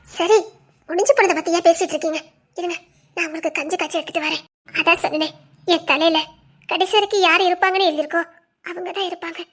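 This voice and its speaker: A very high, light voice belongs to a gentle young wife in an audio drama, as a woman acts her out. She speaks with a Tirunelveli Tamil accent and soothes and teases softly. Her tone is forgiving and warm-hearted. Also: fairly even intonation, fast. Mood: tender. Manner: soothing, teasing, comforting.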